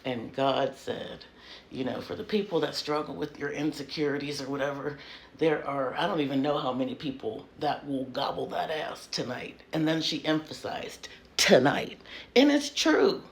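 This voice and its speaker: A frank, chatty woman in a casual tarot vlog, swinging from loud, animated bursts down to hushed whispers. The recording has clear background noise and comes from a phone propped up at home. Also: a bass voice, normal speed. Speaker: tarot reader.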